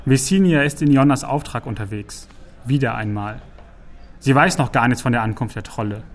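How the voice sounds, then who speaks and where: A man voicing a dry, level-headed male warrior who speaks in measured replies. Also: medium pitch, close to an everyday voice. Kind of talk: audiobook character voice.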